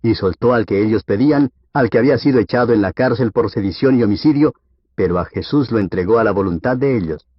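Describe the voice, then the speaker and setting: Low husky guy reading the bible aloud, steady pace, dull dry lo-fi sound. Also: fast, no room sound. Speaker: Bible reader. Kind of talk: scripture audiobook reading.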